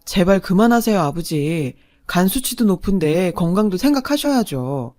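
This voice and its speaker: A woman's voice: on the low side, very animated, moderate pace, darkish tone, soft background music. Woman doing a mild pleading young husband. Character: gentle young husband trying to calm his father.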